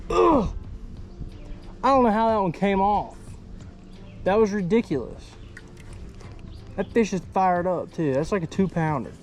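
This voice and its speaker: A man giving casual running commentary while fishing from a boat outdoors. He is excitable and slangy, and he talks to the fish. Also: on the high side. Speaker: fishing vlogger.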